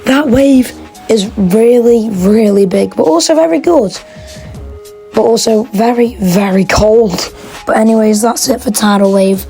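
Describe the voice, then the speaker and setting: A woman's voice: fairly high pitch, a little slow, warm tone, faint music behind, rough recording. A woman, chatting casually in a rambling, enthusiastic voice-over as she ranks theme park rides.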